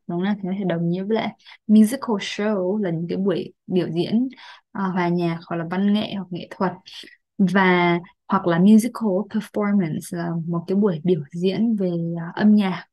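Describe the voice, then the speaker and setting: A woman's voice: medium pitch, a little mellow. Young woman, Vietnamese accent, vocabulary tutor, chatty explainer who keeps checking in. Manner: checks in often with rhetorical tag questions. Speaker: English vocabulary teacher.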